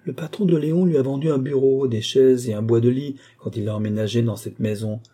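A naive young seamstress recounting how she met a neighbour, voiced by a man. The voice is low-toned and husky, with a plain, talkative manner, as in an audiobook. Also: fairly even intonation, brisk, mellow, lightly acted. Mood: chatty. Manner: chatty, matter-of-fact recounting. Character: naive, honest young working girl. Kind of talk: audiobook character reading.

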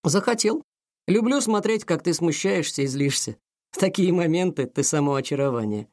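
A man's voice: on the high side, animated, moderate pace, darkish tone, voice pushed up, natural voice. A man voicing a smug teasing seducer. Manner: insinuating, mocking.

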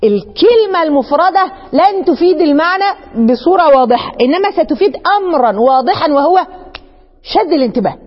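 Egyptian woman teacher, high voice, quick delivery, muffled recording in a reverberant hall. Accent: Egyptian Arabic. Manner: lively, acts out questions and dialogue. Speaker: Quran teacher. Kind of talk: religious lesson to women.

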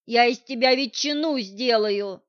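A woman voicing a brash young male soldier, loud and exclaiming, in an audiobook. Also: on the high side, a little slow, clear, resonant tone, no echo, lightly acted. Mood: agitated. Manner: shouted, exclaiming lines. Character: tough young male special-forces soldier, brash and panicky. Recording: dull, dry audiobook recording.

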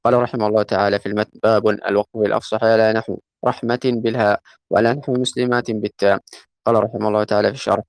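A man reading a classical grammar text aloud to his teacher, going quickly and slowing down to chant the quoted verses. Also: lowish voice, level tone, creaky, no room sound. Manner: fast recitation, slows to chant quoted verses.

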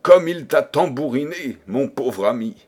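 A man's voice: medium pitch, animated, measured pace, a little mellow, slightly rough. A man doing a blustering old general. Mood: mocking.

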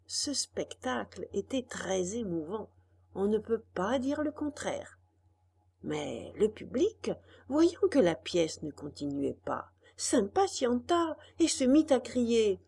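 A woman reading a children's storybook aloud with an expressive delivery. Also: medium pitch, vocal fry, husky. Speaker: audiobook reader. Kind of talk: storybook narration.

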